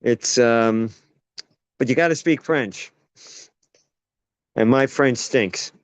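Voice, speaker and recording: Speaking slowly in a mid-range voice, recorded dry, a man from the United States tells meandering stories in casual conversation. The actor and playwright keeps interrupting himself and starting sentences over.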